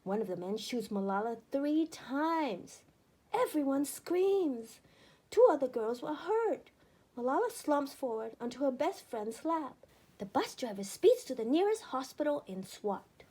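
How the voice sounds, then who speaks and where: A woman with a high-pitched voice reads a children's book aloud, storytelling expressively and deliberately with emphatic phrasing.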